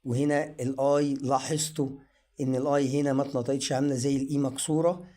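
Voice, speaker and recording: A man's voice: mid-range voice, level tone, mellow. A man with an Egyptian Arabic accent teaching English pronunciation in an online lesson, drilling words one at a time. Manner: slow, drawn-out word-by-word drilling.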